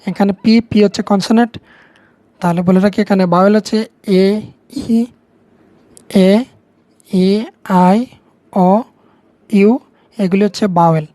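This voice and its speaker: A woman's voice: mid-range voice, fairly even intonation, unhurried, pauses often, mellow, no echo. A woman with a Bengali accent, patiently explaining English grammar to students step by step, repeating key words. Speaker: teacher.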